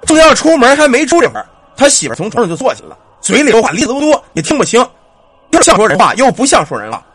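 A man's voice: very high voice, huge pitch swings, rapid-fire, fairly bright tone, slightly rough. A man telling a ghost story in a chatty, colloquial way, speaking straight to his listeners.

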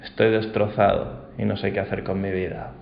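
A heartbroken drunk laborer , as a male narrator gives him voice, speaks quietly in despair. His voice sits low, and the sound is roomy and slightly dull. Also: flat delivery, moderate pace, gravelly, a little hiss or hum.

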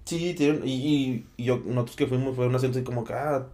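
A man's voice: mid-range voice, fairly even intonation, fairly quick, warm tone. A young man, chatting casually and teasing his friends in slang. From Mexico. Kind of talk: casual chat.

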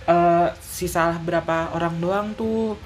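A man from Lampung, Indonesia, telling stories in a casual chat as co-host, relaxed and quick to laugh. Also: fairly high pitch, faint music behind. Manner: laid-back storytelling, laughs often.

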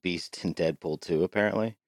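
A man's voice: sits low, brisk, no room sound, clean studio sound. A man co-hosting a podcast, chatting casually and swearing freely with many restarts, recorded inside a small closet. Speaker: podcast co-host. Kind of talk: casual chat.

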